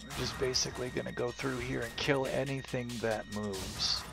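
A man's voice: medium pitch, fairly even intonation, moderate pace, gravelly, music in the background. A man with a strained, cracking voice giving casual, sweary commentary as he plays a video game. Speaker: gameplay streamer.

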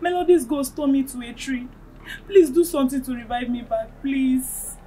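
A woman's voice: high voice, moderate pace, mellow, a little hiss or hum, natural voice. An actress playing a terrified young woman trapped in a tree, pleading and sobbing. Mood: begging.

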